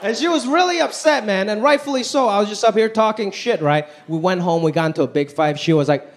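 Performing stand-up at a quick pace, a man in his thirties from Hong Kong holds a handheld mic on a large theater stage, animated and swinging his pitch to land punchlines. The live show recording has faint crowd and room noise.

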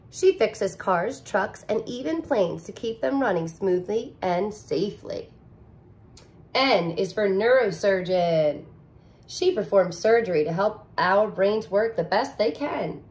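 A teacher in her thirties reads a picture book to young children in an expressive, sing-song way. Her voice sits in the mid-range. She's recorded close to the camera indoors, in a living room with a couch.

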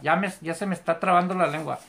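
An English teacher, giving a live online class from a home bedroom and patiently repeating English examples slowly and carefully. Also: medium pitch, fairly even intonation, vocal fry, fairly bright tone.

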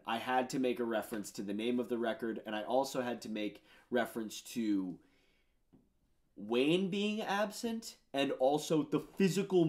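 With a mid-range, slightly mellow voice, a thirty-something musician talks casually about his songs in his home studio under purple lighting. His talk is rambling, enthusiastic, and full of fillers.

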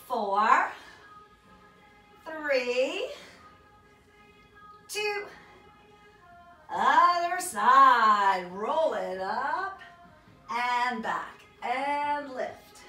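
An echoey room carries the bright voice of a woman leading an exercise class from a little way off the mic. She gives short, encouraging cues and counted repetitions, with music playing behind her. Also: high-pitched, big pitch swings, extremely slow, long pauses, distant mic. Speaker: fitness instructor. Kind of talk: workout coaching with counted cues. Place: small carpeted home exercise room, indoors. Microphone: camera across the room.

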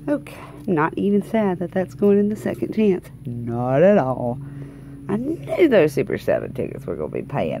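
This lottery scratch-off host has a Southern US accent and a fairly low, slightly mellow voice with vocal fry. Her excited vlog chat is casual and folksy, full of repeated phrases for emphasis, filmed indoors at a tabletop with only her hands in view. A little hiss or hum sits under the audio.

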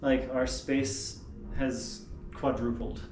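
A man's voice: mid-range voice, takes it slowly. A man vlogger explaining casually and easily, standing out on a street. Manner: easygoing, relaxed explaining. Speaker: travel vlogger. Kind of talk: casual travel narration. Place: outdoors on a street.

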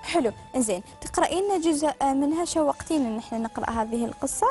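Rapid-fire upbeat woman host. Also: high voice, lively intonation, over music. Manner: upbeat, coaxing questions to children. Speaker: children's TV show host. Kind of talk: hosting a children's studio show.

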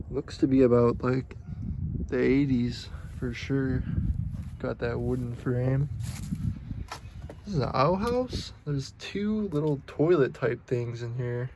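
A man exploring an abandoned farmhouse on a handheld phone camera, commenting on what he finds in a curious, low-key way. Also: background noise. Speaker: urban explorer vlogger. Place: abandoned farmhouse and yard, indoors and out.

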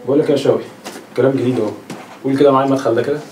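A man acting out a brisk instructor who rattles off directions. He sounds distant in an echoey room with music playing. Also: medium pitch, steady tone, dark tone, natural voice. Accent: Egyptian Arabic.

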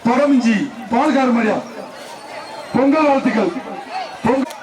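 A man announcing live at an outdoor bull-taming event through a loudspeaker, excitedly calling out bull names and shouting warnings to the tamers. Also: very high-pitched, unhurried. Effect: through a loudspeaker system. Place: outdoor festival arena. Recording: echoey loudspeaker from far off, loud crowd. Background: loud cheering crowd and noise.

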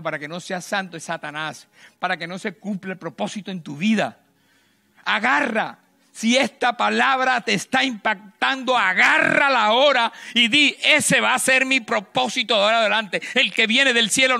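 Middle-aged male pastor, high bright voice, emphatic sermon with loud and hushed swings. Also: creaky. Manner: emphatic preaching with sudden loud bursts and hushed drops. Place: church stage. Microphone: handheld mic.

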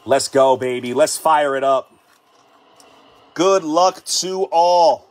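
A man hosting a live sports card break, hyped and chatty, calling out each card as he pulls it and hyping the viewers. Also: fairly high pitch. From United States. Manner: hyped, repetitive catchphrases, rapid card call-outs.

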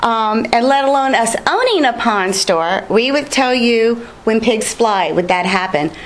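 Woman guest, fairly high voice, warm friendly storyteller with ums. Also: animated, a little slow, low-quality recording. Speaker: business owner interview guest. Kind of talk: casual TV interview.

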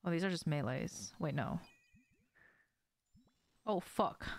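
A low, creaky-voiced young woman talks slowly during a casual gaming livestream. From a small room at home she swears, chats informally to her viewers and reacts to the game.

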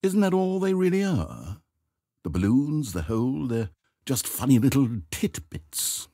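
As the fussy, theatrical male narrator of a video game, the actor is earnest, polite and fretful, veering from grandeur into self-doubt. His mid-range, breathy, mellow voice is very animated yet unhurried. The scripted lines are recorded dry and close-miked in a studio, with no echo.

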